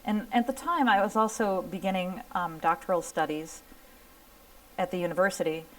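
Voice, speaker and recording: A middle-aged woman delivers an earnest personal testimony to a room, slipping into the voices of the people she quotes. Her voice sits a little low and sounds set back from the microphone. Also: normal speed, recorded from a distance, poor audio. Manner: earnest storytelling, acts out quoted dialogue. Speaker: speaker giving a talk. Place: lecture room.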